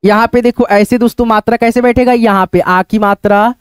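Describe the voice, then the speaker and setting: A man's voice: sits high, steady tone, fairly quick, clear, resonant tone, no room sound. A man teaching the script in a repetitive, patient way, often asking his viewers check questions. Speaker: online Hindi teacher. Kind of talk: teaching at a board, explaining step by step.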